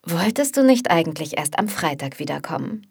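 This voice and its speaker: A woman voicing an easygoing, confident young man in an audiobook, sounding relaxed and self-assured. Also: sits low, a little fast, creaky, breathy edge, heavily acted. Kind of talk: audiobook character voice.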